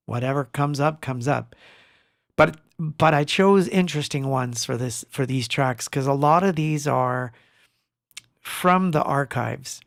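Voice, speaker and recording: A man's voice: mid-range voice, creaky, dry recording, clean studio sound. A middle-aged man from Argentina hosting a casual livestream, rambling, greeting chat viewers by name and laughing often. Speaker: livestream host. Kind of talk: casual live-stream chat. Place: home studio.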